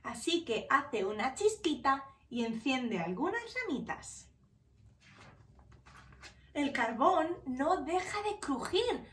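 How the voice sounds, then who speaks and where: A woman's voice: high voice, big pitch swings, takes it slowly, fairly bright tone. Woman, Spanish accent, bedtime story read-aloud, sing-song, echoey room, voice from a distance. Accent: Spanish (Spain). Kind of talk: children's picture-book read-aloud.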